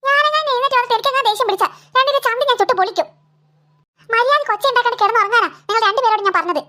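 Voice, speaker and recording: A woman's voice: extremely high pitch, rapid-fire, sharp tone. A woman voicing a tired, scolding mother of two girls in a cartoon. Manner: nagging, exasperated scolding.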